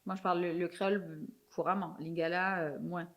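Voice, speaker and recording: A young adult woman from France, hosting a podcast in relaxed, talkative conversation with a guest. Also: fairly low pitch, brisk. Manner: chatty, self-described chatterbox. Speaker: podcast host. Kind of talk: casual chat.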